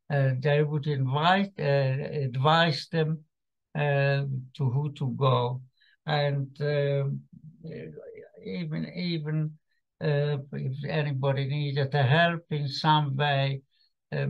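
A guest speaker in his eighties, a survivor with a Slovak accent, shares his testimony from a small home room via computer mic on a video call. He speaks haltingly with long, hesitant pauses in a fairly high, gravelly voice, and the sound is muffled and lo-fi.

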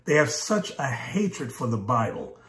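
A man preaching in an animated, emphatic way, his voice jumping high when he mocks others. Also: measured pace, roomy sound. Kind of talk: video sermon commentary.

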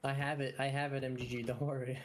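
A man's voice: medium pitch, level tone, quick pace, over music. A man playing a co-op game with friends, hurriedly telling teammates what to do. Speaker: co-op game player. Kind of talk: casual gaming chat.

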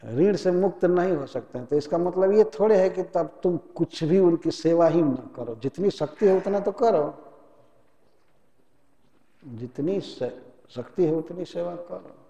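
A man giving a devotional sermon as a spiritual teacher, telling stories in a lively, chiding way. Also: high-pitched, unhurried, highs cut off. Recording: echoey hall.

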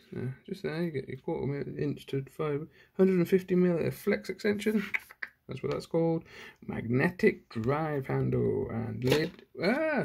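Gravelly man chatting through an unboxing. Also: on the high side, a little mellow, a little hiss or hum. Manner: chatty, thinking aloud, self-correcting. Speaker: channel host. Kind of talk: casual unboxing commentary. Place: at home indoors. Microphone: handheld phone camera, filming one-handed.

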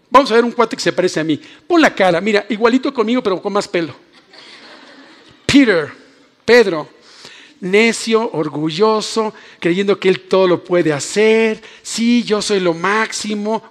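A man preaching an emotional sermon in a church, joking with the congregation and calling on people by name. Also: high-pitched. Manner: emotional, animated, jokes with the congregation. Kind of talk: lively sermon. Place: church hall.

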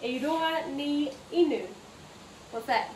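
In a preschool room, a female story time host with a New Zealand accent and a high pitch reads to young kids at an unhurried pace, inviting them to join in. Her tone is lively and supportive, with that lilting, elongated teacher cadence. Picked up from across the room, the audio is echoey and noisy.

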